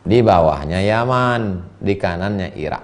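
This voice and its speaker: A man preaching and teaching from a classical text. He reads Arabic phrases, explains them slowly and acts out the people in his stories with sudden high-pitched voices. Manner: animated storyteller, voicing characters with sharp pitch jumps.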